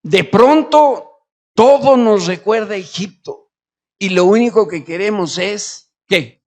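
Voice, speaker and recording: Male pastor, sermon delivery, high pitch, rhetorical and shifting in volume. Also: takes it slowly. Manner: preaching with rhetorical questions and shifts between loud and quiet. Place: church.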